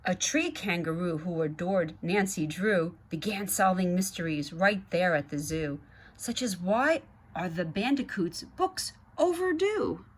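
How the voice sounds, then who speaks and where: Reading a children's picture book aloud as a guest, this woman has a lowish, husky voice that is animated yet measured in pace. She talks straight to the young audience and adds small asides as she goes.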